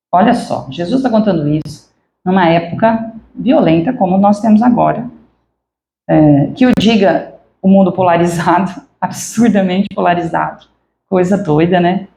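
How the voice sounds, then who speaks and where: A woman with a warm, medium-pitched voice and some vocal fry gives a spiritist lecture to a congregation. She keeps it conversational, chatting with the audience and asking them questions, and the lecture hall of the spiritist center sounds echoey.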